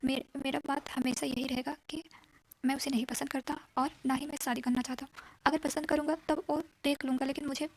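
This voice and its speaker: A woman's voice: high-pitched, level tone, brisk, low-quality recording. A woman voicing a stubborn young man. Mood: insistent. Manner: firm, insistent. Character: young man resisting an arranged marriage.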